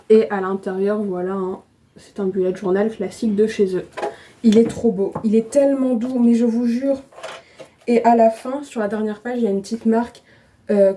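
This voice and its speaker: Gushing chatty woman, mellow voice. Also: mid-range voice, slight background noise. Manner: gushing, excitable, chatty with fillers. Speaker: vlogger. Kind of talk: casual unboxing chat. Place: at home on her bed.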